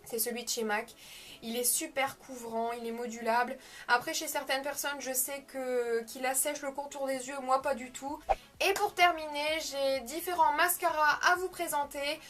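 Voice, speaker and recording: A high-pitched woman reviewing products she has used up in a casual vlog. She talks to her viewers in a chatty, frank way, often pausing with fillers and correcting herself mid-sentence. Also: fairly even intonation, a bit bright. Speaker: beauty vlogger.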